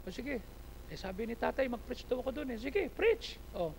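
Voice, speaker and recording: A man with a Filipino accent preaching a sermon as pastor, switching between English and Tagalog, dropping to quiet asides and rising to loud, pleading exhortation. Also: extremely high pitch, sing-song, moderate pace, gravelly, slight background noise, poor audio.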